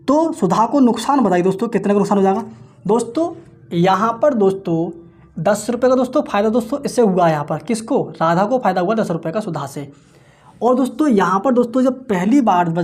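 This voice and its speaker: A man leads an exam-prep maths lecture, calculating aloud in quick multiplication chants and referring to viewers as friends in nearly every phrase. He answers the questions he asks. His high voice is a little mellow.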